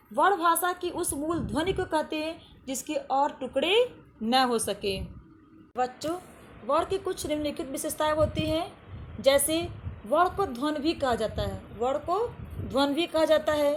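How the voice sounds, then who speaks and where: High-voiced woman teaching children. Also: slight background noise. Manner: repeats each definition slowly, asks and answers own questions. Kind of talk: classroom lesson to children.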